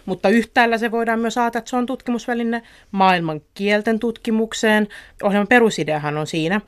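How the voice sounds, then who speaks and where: A woman, a research assistant, explaining her work in a radio interview in a methodical, explanatory way. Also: medium pitch.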